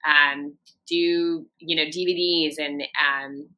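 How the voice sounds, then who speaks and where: Guest: woman, 30s, from Japan, low voice, bright tone, chatty storyteller. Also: fairly even intonation, takes it slowly, low-quality recording. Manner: chatty, warm storytelling with frequent fillers. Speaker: podcast guest. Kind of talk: casual interview talk.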